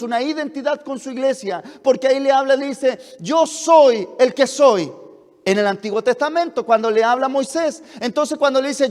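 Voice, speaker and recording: A man preaching a fervent sermon as a pastor, asking rhetorical questions and pressing toward shouts. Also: very high voice. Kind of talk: sermon at a leaders' retreat. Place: retreat hall. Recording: long hall reverb.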